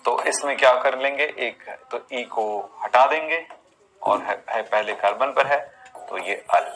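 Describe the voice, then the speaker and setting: A man's voice: medium pitch, a little slow, fairly bright tone, soft background music, low-quality recording. A man teaching a chemistry lesson, explaining step by step, counting carbons aloud and asking his students rhetorical questions. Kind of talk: classroom lecture on chemistry naming.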